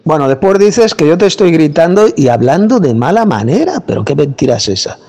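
A man from preaching in a forceful, scolding way, speaking with authority into a phone. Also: fairly high pitch, big pitch swings, brisk, in a large hall. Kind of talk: combative preaching monologue. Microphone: phone mic.

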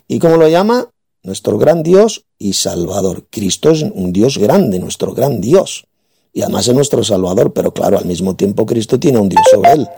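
A man's voice: mid-range voice, warm tone. A man from in a heated religious debate, combative and insulting, hammering his points home with repetition.

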